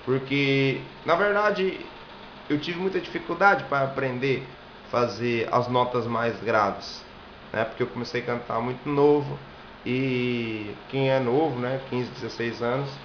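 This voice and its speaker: Brazilian man teaching singing, echoey room. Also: a little slow. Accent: Brazilian Portuguese. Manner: explains step by step, demonstrates vowels and sings high examples. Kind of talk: video singing lesson. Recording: echoey room, dull lo-fi sound, faint hiss.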